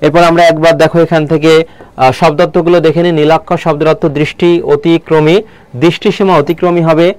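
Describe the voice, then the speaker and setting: A man teaching a live online Bangla lesson, keeps asking the viewers questions and slows down to read poem lines aloud. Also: fairly high pitch, flat delivery, darkish tone, smooth, no echo. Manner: quizzing viewers with repeated questions.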